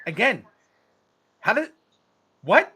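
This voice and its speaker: A man's voice: high voice, slow pace, breathy edge. A man co-hosting a casual sports podcast, talking animatedly and acting out players' lines with frequent restarts. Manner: animated, acts out players' lines, repeats words. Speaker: podcast co-host.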